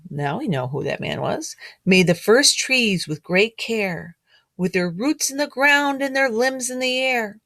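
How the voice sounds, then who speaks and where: Reading to children from a picture book, this middle-aged teacher has a lowish voice with no room sound. Her style is child-directed: she adds chatty comments and keeps posing gentle questions to her listeners.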